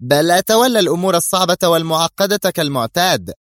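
A man voicing a sharp, cold female national security adviser in an audiobook, speaking curtly. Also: fairly high pitch, lively intonation, quick pace, dry recording, clean studio sound, voice pushed up. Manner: sharp, curt.

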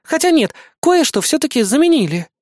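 Guy doing a squeaky bossy young woman, snaps and teases, dry close audiobook sound. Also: sing-song, fairly quick, a little mellow, no room sound. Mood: teasing. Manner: scolding and mocking. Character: brash young woman fighter, sharp-tongued and hot-tempered.

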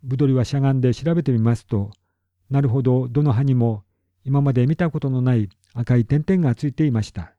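A man calmly narrating a storybook in a measured way, on a dull lo-fi recording. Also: mid-range voice, dry recording. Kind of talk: storybook reading.

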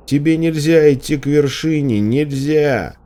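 A man's voice: lowish voice, moderate pace, dark tone, lightly acted. A man reading an audiobook, voicing a hostile bearded hermit who barks insistent warnings. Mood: shouting. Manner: barking, insistent.

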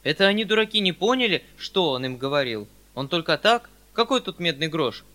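A kindly old country landowner, played by a man reading a novel aloud, fussing and hurrying over his words. The voice is bright and forceful, pitched above the reader's own and noticeably louder. He pleads and excuses himself constantly. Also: sing-song. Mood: defensive. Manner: hurried, fussy, pleading.

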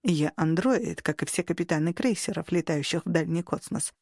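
A reserved male android starship captain, as a woman reader puts him on, speaking lower and softer than her narration. His delivery is earnest and polite. The audiobook sound is dry, close and free of room echo. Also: normal speed, natural voice. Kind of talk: audiobook character reading.

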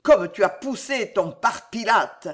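A reader voicing an old, blunt soldier father in an audiobook, with gruff, loud oaths. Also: mid-range voice, expressive, unhurried. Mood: jubilant. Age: older. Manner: gruff, exclamatory, full of oaths. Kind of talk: audiobook reading.

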